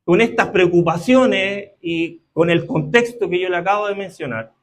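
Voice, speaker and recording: High-voiced preacher checking in with listeners. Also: male voice, moderate pace. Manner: keeps asking the congregation for agreement. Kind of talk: sermon.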